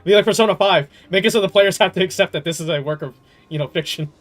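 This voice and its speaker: With faint music behind him, a fast-talking man with a high voice chats through his video game stream. He's rambling and opinionated, using slang, sounding amused and disbelieving, and swearing a bit.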